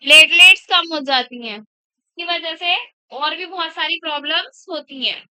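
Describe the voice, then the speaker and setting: In a very high, sharp voice at a moderate pace, a woman teaches biology in a classroom, quizzing the class and echoing back their answers. There's no echo, and the sound is dull and lo-fi.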